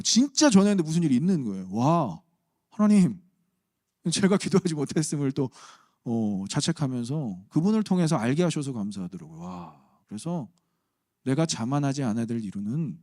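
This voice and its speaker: A man's voice: fairly high pitch, dark tone, dry recording, studio quality. A man preaching a sermon as pastor, conversational and humorous with emphatic turns. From Chungcheong region, Korea.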